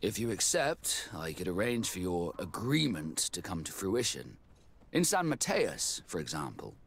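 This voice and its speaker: A man playing an earnest, discreet naval captain with a measured delivery in a video game cutscene. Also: low-pitched, wildly swooping pitch, vocal fry, a little hiss or hum, full character voice. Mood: calm, persuasive. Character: naval captain, Vasco, earnest man seeking his origins.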